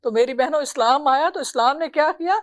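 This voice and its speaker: A middle-aged woman preaching a sermon, telling a story with emotional sighs and laments. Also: sits high. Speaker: religious preacher.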